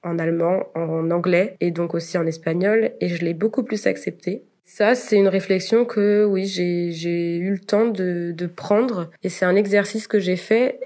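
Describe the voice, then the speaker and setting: A young woman speaks in a slightly low voice, pausing often and restarting her sentences as she thinks aloud. Her answers are reflective and unhurried, with soft laughs between thoughts. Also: fairly even intonation. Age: young adult. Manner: hesitant, many fillers and restarts, laughs softly. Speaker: interviewee.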